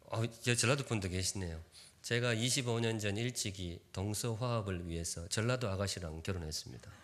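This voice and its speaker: A man's voice: lowish voice, fairly quick, fairly bright tone. A male preacher in his fifties, from Gyeongsan, delivers a sermon in Seoul-style speech that still carries a faint Gyeongsang tinge. He keeps things humorous and often turns to the congregation with questions. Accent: Gyeongsang-tinged Seoul Korean. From Gyeongsan, North Gyeongsang, South Korea. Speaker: pastor. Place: church sanctuary.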